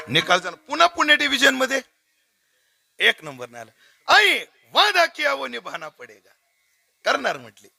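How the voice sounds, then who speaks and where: Lively, bright-voiced man preaching. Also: high-pitched, no echo. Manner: jokey, asks the audience questions. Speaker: kirtan preacher. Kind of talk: humorous storytelling sermon.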